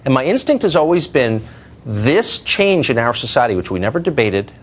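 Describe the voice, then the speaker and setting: A man's voice: medium pitch, sing-song, moderate pace, a bit bright. A man interviewing a guest in an earnest, conversational way, sometimes restarting his sentences.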